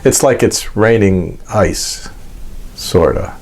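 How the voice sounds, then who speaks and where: An American man giving an informal, unscripted explanation in a halting, folksy way, repeating words as he goes. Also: fairly low pitch, a little mellow. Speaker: host of an explainer vlog.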